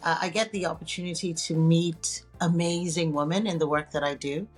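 Low-voiced woman from Nigeria, podcast guest. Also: steady tone, normal speed, soft background music. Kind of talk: casual interview conversation.

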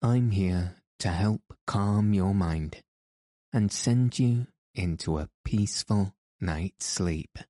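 A man narrating scripted bedtime stories as a sleep podcast host, with a soothing, measured delivery meant to lull listeners to sleep. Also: low-pitched, dark tone, no echo, studio quality.

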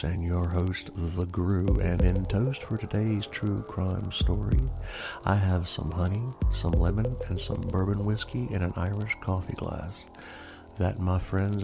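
Deep gravelly ASMR true crime narrator, a man. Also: fairly even intonation, a little slow. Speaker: true crime podcast host. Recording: faint music behind the voice. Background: faint music.

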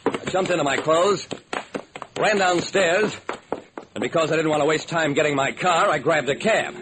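The voice here is a man's, on the high side and close to everyday speech, playing a shrewd private detective who narrates his own case. His wry, brisk storytelling comes through an old radio recording with slight noise.

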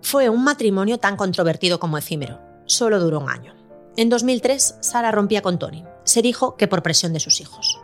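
A woman hosting a podcast, reading a scripted documentary narration in a measured storytelling way. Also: mid-range voice, animated. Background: faint music.

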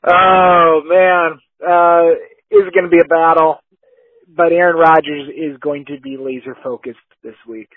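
A man on a podcast, talking fast and emphatically with plenty of fire. His voice sits a bit high and sounds husky. It comes through a tinny, phone-like line with no room sound. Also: level tone, no echo. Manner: fired-up, emphatic predictions. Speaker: podcast co-host. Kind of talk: sports podcast chat.

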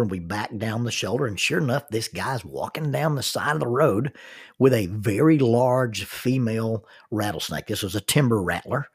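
A man telling a folksy story in a sermon, unhurried and full of restarts. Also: on the low side, breathy edge.

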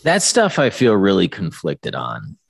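A man's voice: sits low, wildly swooping pitch, unhurried, gravelly, slightly rough, no room sound, studio quality. A man co-hosting a finance podcast, speaking candidly with frequent profanity. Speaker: podcast co-host. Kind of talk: casual finance podcast chat.

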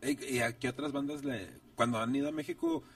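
A man's voice: medium pitch, wildly swooping pitch, fairly quick, creaky, slight background noise. A man hosting a casual, slangy chat, with lots of short backchannel replies. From Ciudad Juárez, Mexico. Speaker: host, interviewer. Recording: distant mic.

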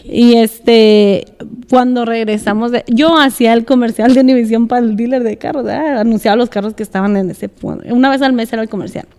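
Woman guest, chatty storyteller, fairly high voice, long room reverb. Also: fairly quick, smooth. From United States. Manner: lively, laughs often, mixes English words. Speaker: podcast guest, escaramuza rider. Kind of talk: casual storytelling chat.

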